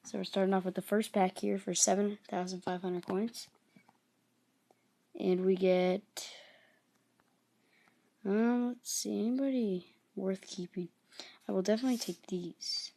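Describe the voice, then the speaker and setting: A woman hosts a gaming video in a casual way, keeping her voice low and unhurried. Her tone is mellow and soft-edged, with plenty of creak. She sounds hushed, as if keeping it down late at night. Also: fairly even intonation.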